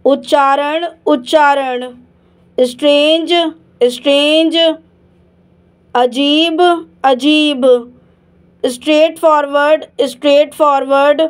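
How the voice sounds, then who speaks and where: A woman teacher works through a word list at a very slow, deliberate pace. Her voice sits high, and she says every word twice in an even, drilling rhythm. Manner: slow, measured, repetitive word-by-word reading. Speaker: vocabulary teacher.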